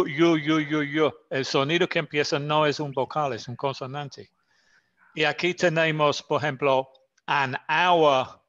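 A man whose first language is English, teaching an English grammar lesson in Spanish, slowly and carefully repeating example words for his student. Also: medium pitch, a bit bright. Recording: slightly dull lo-fi sound.

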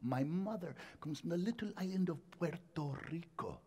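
A man's voice: on the high side, expressive, moderate pace, a little mellow, husky. A man telling folk tales to a live audience, playful and dramatic, mixing Spanish phrases into his English. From New York City. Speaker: storyteller. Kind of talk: lively storytelling performance. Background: salsa music.

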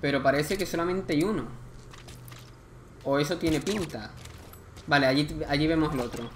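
A man with an accent from Spain, casually commenting on a game he plays, chatty and excitable with lots of slang. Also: on the high side, moderate pace, echoey room, a little hiss or hum. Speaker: gameplay commentator.

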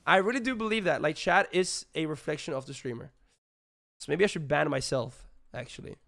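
A man streaming live with a sick, hoarse voice, chatting casually with his viewers in a rambling way. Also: fairly high pitch, fairly quick, a bit bright. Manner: rambling, filler-heavy, greets chat.

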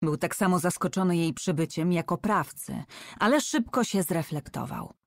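A woman narrating an audiobook in a calm, measured storytelling manner. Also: lowish voice, creaky, no echo, clean studio sound. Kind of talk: scripted narration.

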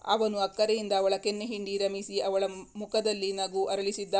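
A woman's voice: mid-range voice, monotone, moderate pace, darkish tone. A woman storyteller reading a serialized romance novel aloud as scripted narration.

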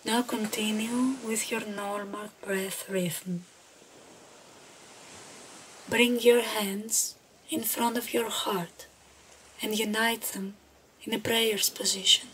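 A meditation guide, a woman, narrates a guided meditation slowly, gently and unhurriedly, with deliberate phrasing and pauses. Her voice is a little high and steady, and the recording has clearly noisy ambient background sound.

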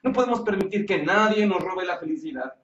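A man voicing a calm male puppet sweetheart who reassures earnestly. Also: sits high, fairly quick. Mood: soothing. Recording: roomy, distant, dull sound.

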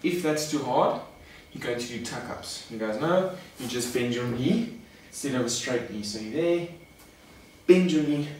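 In a garage home gym, a young fitness coach demonstrates a workout and chats to his audience as "guys," keeping it casual and instructional. His mid-range voice is expressive and a little mellow, moving at a moderate pace. Recorded by a camera a few metres away, the audio is distant and echoey with faint background noise.

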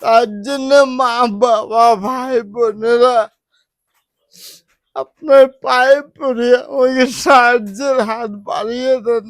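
A middle-aged man from West Bengal, crying as he pleads for help in a halting voice. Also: very high-pitched, fairly even intonation, a bit bright, no room sound. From West Bengal, India. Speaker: man asking for donations. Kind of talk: emotional plea.

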